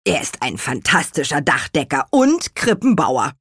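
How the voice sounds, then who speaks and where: A woman voicing the busy male chief of the apple manikins, brisk and practical. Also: a bass voice, huge pitch swings, fairly bright tone, breathy edge, dry recording, clean studio sound, exaggerated voice.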